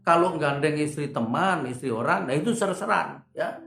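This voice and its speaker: A man's voice: a little high, lively intonation, normal speed, vocal fry. Older male pastor telling humorous stories. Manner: humorous storyteller acting out dialogue. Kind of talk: sermon with personal anecdotes. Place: church. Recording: echoey church hall. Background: soft guitar music.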